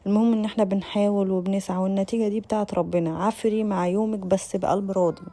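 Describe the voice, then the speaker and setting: A woman's voice: medium pitch, fairly even intonation, rapid-fire, warm tone. A young adult Egyptian woman with an Egyptian Arabic accent, chatting casually in voice-over as a lifestyle vlogger, speaking straight to her viewers with many restarts. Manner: chatty, addresses viewers directly, frequent restarts.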